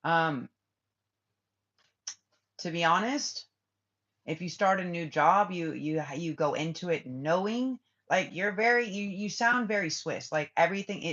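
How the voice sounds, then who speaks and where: A spiritual reader on a live stream speaks in a slightly bright mid-range voice, drifting through unfinished thoughts. Repeated restarts give way to blunt, profane replies to viewers. The recording is dull and lo-fi, like a muffled stream.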